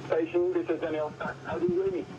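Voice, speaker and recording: A man's voice: a little high, big pitch swings, quick pace, a little mellow. Man on a muffled radio link. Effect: radio link from the ground. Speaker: interviewer at mission control. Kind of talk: space-to-ground radio call.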